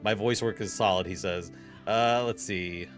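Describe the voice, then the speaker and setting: A man hosting a let's play, chatting casually as he plays. His voice sits a little low, with quick bursts and easy laughs. Faint game music runs underneath. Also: steady tone. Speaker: gaming channel host.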